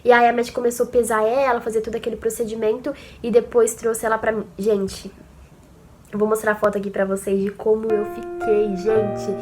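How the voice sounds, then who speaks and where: A woman's voice: fairly high pitch, flat delivery, brisk, a little mellow, soft background music. A young woman with a Brazilian accent tells a personal story to her viewers in a chatty, emotional way, often calling out to them. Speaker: vlogger. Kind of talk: casual personal storytelling to camera.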